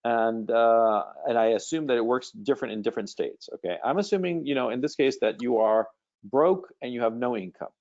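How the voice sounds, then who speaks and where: A man's voice: medium pitch, fairly quick, darkish tone, highs cut off. Blunt, swearing man hosting a webinar. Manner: blunt, casual, swears freely. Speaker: webinar host and coach. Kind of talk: live webinar Q&A.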